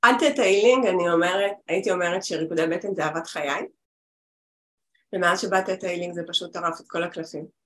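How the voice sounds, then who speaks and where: A woman in her forties, a spiritual healer talking as a guest over a video call, chatty and rambling with restarts. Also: on the low side.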